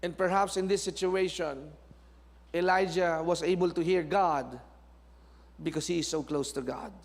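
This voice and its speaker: Man, pastor, sermon, fairly high voice, long church reverb. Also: a little slow, vocal fry. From Philippines. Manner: mixes Tagalog and English, moves from soft prayer to loud animated preaching. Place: church sanctuary.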